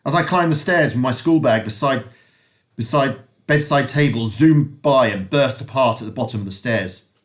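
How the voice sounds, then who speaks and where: A man's voice: medium pitch, normal speed. Man reading a novel aloud to pupils. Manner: expressive, lively reading with occasional slips. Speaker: teacher.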